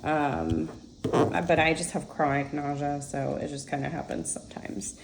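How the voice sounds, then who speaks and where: A young woman chatting casually as a planner vlogger, relaxed and full of fillers while she decorates her planner at home. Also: deep voice, a little slow, a little hiss or hum, low-quality recording. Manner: chatty, relaxed, many fillers and soft laughs.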